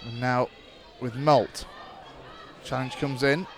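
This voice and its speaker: A man calling live football play-by-play for an internet club radio stream, brisk and steady, rising sharply when a chance comes. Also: medium pitch. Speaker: football commentator.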